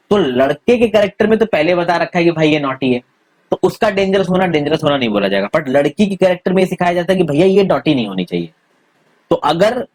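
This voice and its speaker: A man's voice: a little high, darkish tone, breathy edge. A man teaching a civics lesson, explaining step by step and asking if students follow. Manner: explains step by step, checks understanding with questions. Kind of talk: Hindi-English civics lesson.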